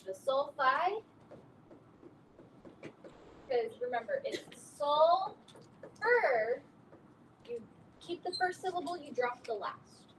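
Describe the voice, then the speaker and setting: High-voiced teacher, distant and noisy. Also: female voice, expressive, slow pace, pauses often. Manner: patient, spells out word endings letter by letter. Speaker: chemistry teacher. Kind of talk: recorded classroom lesson. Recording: distant mic with clear background noise.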